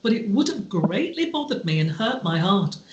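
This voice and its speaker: A woman speaks slowly and deliberately, with a heartfelt, reflective tone and a pitch that sits in a middle range. Her voice rings with a roomy echo, as though recorded in an open, bare room. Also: sing-song, a little mellow, highs cut off, slight background noise. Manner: slow, deliberate, heartfelt delivery. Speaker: podcast guest. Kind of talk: reflective storytelling in conversation.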